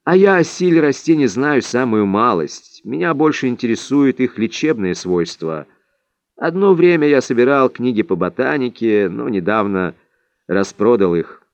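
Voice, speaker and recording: Man doing a soft-spoken old male healer; gentle, reverent, unhurried, lively pitch. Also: dry recording, highs cut off, natural voice. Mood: humble.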